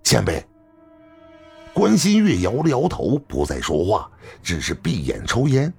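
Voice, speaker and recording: A man narrating a novel in a measured storytelling manner. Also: medium pitch, wildly swooping pitch, creaky, a little mellow, breathy edge, faint music behind. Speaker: audiobook narrator.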